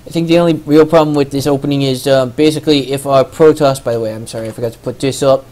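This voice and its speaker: A man's voice: mid-range voice, steady tone, fast, darkish tone. A young man casting a strategy video game match in a loose, joking, rambling way. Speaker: game caster. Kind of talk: casual esports commentary.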